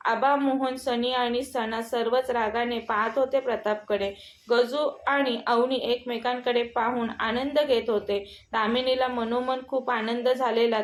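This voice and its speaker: Woman narrating a drama story. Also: fairly high pitch. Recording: echoey room.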